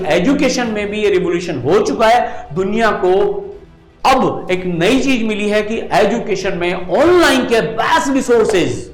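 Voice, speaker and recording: A middle-aged man, a veteran coaching teacher, giving an emphatic, persuasive motivational talk straight to students. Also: high voice. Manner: emphatic, persuasive, addresses listeners directly. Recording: echoey room with faint music. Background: faint music.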